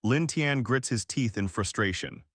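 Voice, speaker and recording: A man's voice: mid-range voice, expressive, a little slow, fairly bright tone, breathy edge, no echo, clean studio sound. A man narrating a comic recap in a scripted storytelling voice.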